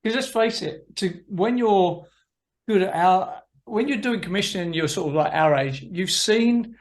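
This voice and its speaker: A middle-aged man hosting a podcast, chatting in a wry, relaxed, conversational way. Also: high-pitched, unhurried. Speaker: podcast host.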